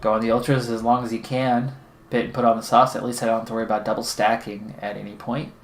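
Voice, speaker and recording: A man's voice: mid-range voice, flat delivery, quick pace, echoey room, rough recording. A man hosting a racing management game video, talking through his race strategy in anxious, pleading running commentary. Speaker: gaming channel host. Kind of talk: let's-play commentary.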